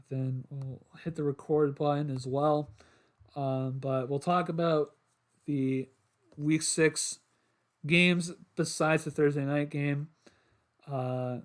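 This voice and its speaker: Young man hosting a sports podcast, voice going hoarse. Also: a little high. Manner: rambling, filler-heavy, restarts often. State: voice getting hoarse. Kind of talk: casual solo sports podcast.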